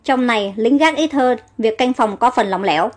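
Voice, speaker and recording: A woman's voice: on the high side, normal speed, natural voice. A woman voicing a male general leading a kidnapping raid, giving clipped orders. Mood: urgent. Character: foreign male general, urgent and determined.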